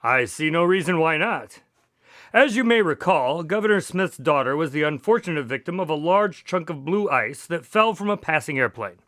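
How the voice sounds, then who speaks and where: A man's voice: a little high, animated, normal speed, fairly bright tone, dry recording, studio quality. A man playing a courteous, easily flustered doctor and storyteller in a radio drama, with a polite, old-fashioned, theatrical manner. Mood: storytelling. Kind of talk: radio drama acting and narration.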